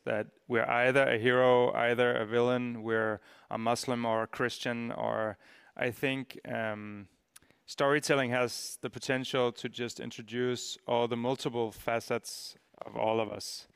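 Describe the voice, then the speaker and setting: A man's voice: mid-range voice, vocal fry, fairly bright tone, smooth. A man on a discussion panel, talking with hesitant, repeated words while he thinks. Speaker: panelist, app builder.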